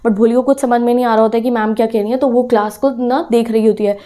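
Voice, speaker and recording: A woman's voice: fairly high pitch, steady tone, quick pace, warm tone. A woman teacher explaining a class 10 English chapter to students, patiently retelling the story and mixing in English phrases. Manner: explains patiently, mixes English phrases, checks in with "theek hai".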